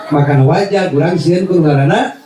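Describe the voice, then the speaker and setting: High-voiced Sundanese preacher, echoing outdoors. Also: male voice, moderate pace. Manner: animated, joking, swings between Sundanese and Indonesian, shouts and laughs. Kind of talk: sermon. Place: outdoor religious gathering before a crowd. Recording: very echoey, far-off, crowd and noise behind.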